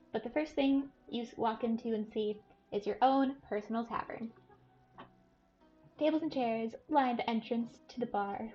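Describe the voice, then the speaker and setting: A woman's voice: on the high side, vocal fry, muffled recording. Woman narrating as dungeon master. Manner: descriptive, relaxed, with fillers. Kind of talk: narrating a tabletop game.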